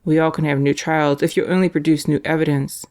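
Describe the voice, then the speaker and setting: A woman's voice: low-pitched, fairly even intonation, fairly quick, darkish tone, close to an everyday voice. A woman voicing a mocking, scheming male death row inmate who turns ingratiating. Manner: sneering, then ingratiating.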